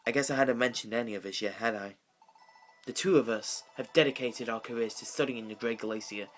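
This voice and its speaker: A protective male scholar creature, anxious for his partner, voiced by a man. The voice drops well below the performer's own into a low, soothing register, fan-dubbed game dialogue. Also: steady tone, brisk, close to an everyday voice.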